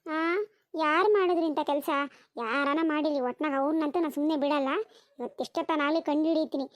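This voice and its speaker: A woman's voice: sits high, steady tone, brisk, no echo, lightly acted. A woman voicing a stingy village husband. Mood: aggrieved. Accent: rural Karnataka Kannada. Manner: aggrieved, complaining, vowing revenge. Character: village husband, a stingy man slow to heed warnings. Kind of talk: cartoon voice acting. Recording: dry, dull lo-fi sound.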